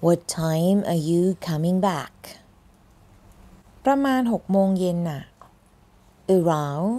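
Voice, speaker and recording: A Thai woman teaching everyday English phrases, saying each word slowly one at a time and then repeating the whole phrase. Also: on the low side, dark tone. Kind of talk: slow English phrase lesson.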